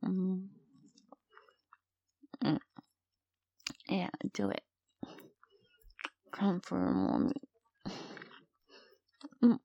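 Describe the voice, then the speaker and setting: A woman in a whispered intimate audio roleplay, talking slowly in a soft cooing manner close to the microphone. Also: fairly low pitch, gravelly, no room sound, highs cut off. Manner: slow, cooing, mostly whispered.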